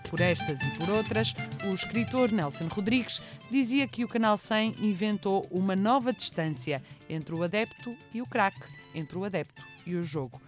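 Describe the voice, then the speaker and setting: A woman's voice: medium pitch, animated, normal speed, hardly any pauses, soft background music. A woman with a European Portuguese accent, presenting a scripted documentary feature.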